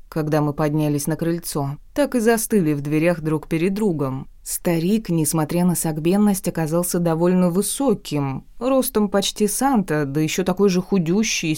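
A woman narrating a first-person audiobook in an expressive storytelling voice, with wry asides. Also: on the low side.

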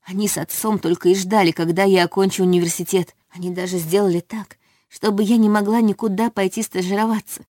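A woman's voice: mid-range voice, fairly even intonation, a little fast, a little mellow, no room sound, studio quality, close to an everyday voice. A woman reading a desperate young heroine. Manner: pleading, emotional. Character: frightened young woman fleeing a forced marriage. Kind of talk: audiobook reading.

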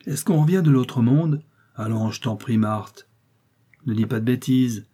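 Guy reading as a heartbroken old farmer, husky and bitter, voice pitched up in grief. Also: unhurried, warm tone. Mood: sorrowful. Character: grieving old male farmer, bitter and tearful.

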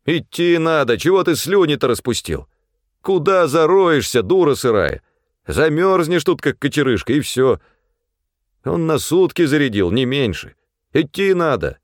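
A man voicing a stubborn, rough-spoken male guide who barks orders over a storm. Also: on the high side, sing-song, unhurried, no room sound, clean studio sound, voice pushed up. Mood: furious. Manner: coarse, bossy, shouting over wind.

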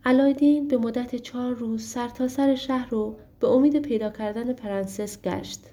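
A woman narrating a storybook audiobook in a steady, expressive way. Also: fairly high pitch.

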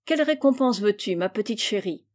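A woman's voice: medium pitch, expressive, brisk, close to an everyday voice. A woman reading aloud and voicing an indulgent, doting noblewoman mother in a storybook, speaking tenderly and coaxingly.

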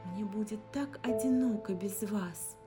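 A woman's voice: mid-range voice, measured pace, pitched above the performer's own voice, close to an everyday voice. A woman voicing a frightened young woman, anxious and pleading, close to tears. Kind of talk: audiobook character reading. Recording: guitar music underneath. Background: guitar music.

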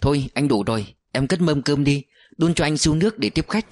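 A man's voice: a little high, lively intonation, brisk. A man doing a tender returning soldier. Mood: plain. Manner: soft, quiet. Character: soldier husband home from war, tender.

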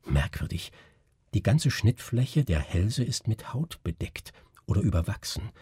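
A man reading a puzzled, musing gentleman. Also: on the low side, breathy edge, no room sound, studio quality, full character voice. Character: curious scholarly gentleman, astonished.

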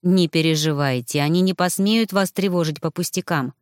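Woman reading as a polite ghost officer guy, lower voice, formal. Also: normal speed, no room sound, clean studio sound, lightly acted. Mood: earnest. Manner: formal, apologetic. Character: polite ghostly male officer, earnest and courteous.

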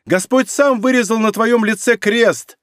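A man voicing a poor old peasant woman, sly and vengeful, with a shrill, wheedling manner. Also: unhurried, fairly bright tone, no room sound, clean studio sound. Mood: shrill anger.

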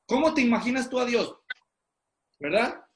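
High-voiced man teaching pastors. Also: expressive, moderate pace, noisy background. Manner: questioning, drawing answers from students. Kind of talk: interactive online class. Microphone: video call. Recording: roomy echo.

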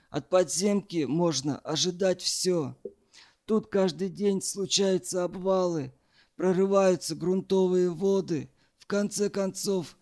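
A man voicing a gruff, weary old tunnel boss who barks orders and lectures. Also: high-pitched, a little mellow, pitched above the performer's own voice.

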